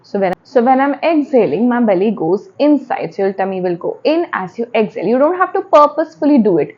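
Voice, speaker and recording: A woman's voice: fairly high pitch, darkish tone, lo-fi sound. A woman with an Indian accent giving spoken yoga instruction step by step, repeating and rephrasing key points as she goes.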